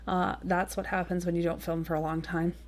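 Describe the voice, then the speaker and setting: A woman's voice: fairly low pitch, flat delivery, brisk. A woman talking casually through a watercolor painting tutorial, chatty and rambling with frequent ums and little apologetic asides. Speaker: watercolor card-making tutorial host.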